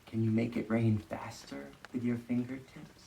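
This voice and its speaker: Gravelly and warm, this man's mid-range voice holds a fairly even intonation at a moderate pace, with a little hiss or hum in the audio. He's an educator guiding young children through an interactive storytime with simple phrases, questions, and cues to move.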